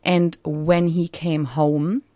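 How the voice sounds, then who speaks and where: A woman's voice: sits low, flat delivery, drawn-out words, dark tone, no echo. A woman from Germany, a radio studio guest, telling her personal story hesitantly with many fillers and restarts. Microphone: studio microphone.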